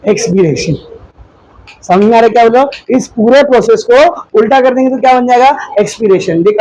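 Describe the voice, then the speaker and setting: A male biology teacher from India gives a classroom lecture in a mix, drilling students with call-and-response questions that the class answers back. His voice is high-pitched with a darkish tone, and the audio quality is poor.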